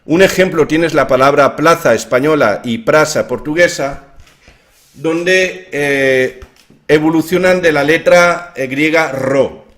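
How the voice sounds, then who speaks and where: Man, fairly high voice, hesitant, lots of fillers, informal lecture. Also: slow, a bit bright. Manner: hesitant, many fillers and restarts. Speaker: author explaining his theory of language.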